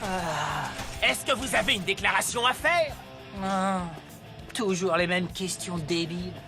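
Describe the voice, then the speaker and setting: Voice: mid-range voice, a little slow, natural voice. An actor voicing a vain, cocky star skateboarder in a French cartoon, laid-back and showy. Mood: cocky, casual. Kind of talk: French animated series dialogue. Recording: loud music behind the voice.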